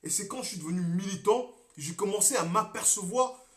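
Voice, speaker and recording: A young Congolese man, a political activist, talking on a live stream with passion, repeating himself and swinging between loud and quiet. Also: sits high, fairly quick, roomy sound. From Congo (DRC). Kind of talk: monologue on a Facebook live stream.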